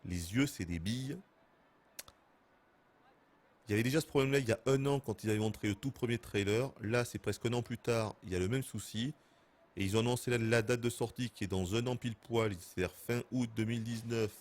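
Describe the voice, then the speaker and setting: A man in his thirties giving casual, excitable gameplay commentary as a streamer, laughing and swearing often. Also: medium pitch, fairly quick. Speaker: gaming streamer.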